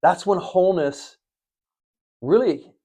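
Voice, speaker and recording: A middle-aged man co-hosts a faith-based podcast from an Arizona studio, telling stories in an earnest, preachy manner. His voice is high-pitched, expressive and mellow, and he speaks at a slow pace.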